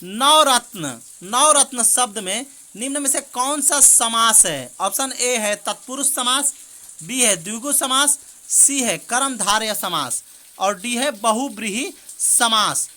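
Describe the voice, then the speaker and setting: A woman teaching exam prep, reading out multiple-choice questions and answers quickly and often saying "theek hai doston", with rain behind her. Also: fairly high pitch, animated, sharp tone. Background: rain heard in the background.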